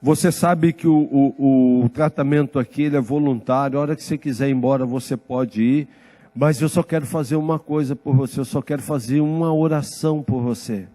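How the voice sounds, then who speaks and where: A pastor quoting a calm Brazilian counselor. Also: male voice, mid-range voice, fairly quick, voice pushed down, close to an everyday voice. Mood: reassuring. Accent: Brazilian Portuguese. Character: calm older male rehab counselor, patient.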